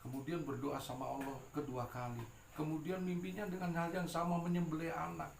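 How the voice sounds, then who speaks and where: A man telling a story with humor in a sermon, animated and joking. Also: a little high, fairly quick, vocal fry. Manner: animated and joking, mixing in local slang. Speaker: preacher. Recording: echoey room with faint noise.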